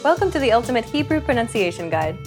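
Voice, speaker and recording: A woman hosting a pronunciation course, narrating a scripted lesson in a clear, explanatory teacher's manner. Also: a little high, big pitch swings, quick pace, over music. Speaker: language course host.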